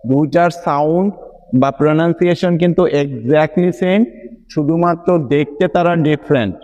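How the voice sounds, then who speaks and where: A man teaching English pronunciation in a video lesson, patiently explaining each letter in Bengali mixed with English words and often asking whether it is clear. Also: a little high, moderate pace, a little mellow, muffled recording.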